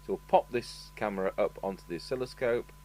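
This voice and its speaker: Warm and fairly low-pitched, a British man talks quickly while working as a radio repair technician on a review. His commentary is hands-on, casual, matter-of-fact and musing, directed at himself, in an indoor electronics workshop with clear background noise and electrical hum.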